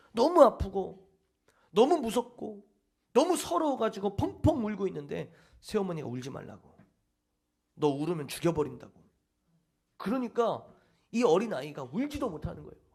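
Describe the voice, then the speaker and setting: A male pastor preaching a sermon, telling a story dramatically and dropping from loud passages into hushed whispers. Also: sits high, vocal fry, husky. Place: church service hall.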